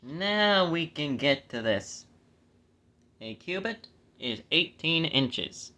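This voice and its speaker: A man's voice: on the high side, big pitch swings, takes it slowly, bright, forceful tone. A man reading scripture aloud and breaking off for chatty, self-mocking asides, correcting his own stumbles. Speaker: Bible reader.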